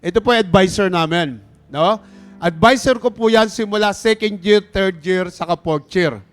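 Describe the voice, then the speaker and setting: A man's voice: high-pitched, moderate pace. A man preaching a sermon in a church, telling a story and often asking the congregation for an amen. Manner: storytelling, asks the congregation for amens. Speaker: pastor.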